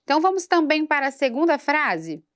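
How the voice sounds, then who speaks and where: A woman's voice: sits high, big pitch swings, a little fast, fairly bright tone. A woman singing teacher giving a patient vocal lesson for a church program and breaking into short sung demonstrations.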